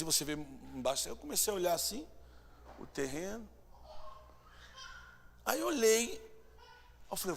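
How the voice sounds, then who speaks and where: A man preaching a sermon in a church, telling stories, swinging between loud bursts and hushed asides. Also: high voice, gravelly. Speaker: pastor. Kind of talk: sermon with storytelling. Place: church hall. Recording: church hall reverb, mic at distance.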